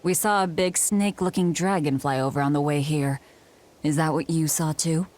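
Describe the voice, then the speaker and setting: A woman's voice: low voice, steady tone, normal speed, darkish tone, natural voice. A woman voicing a brooding young warrior in a video game, curt and cool in manner. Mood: businesslike.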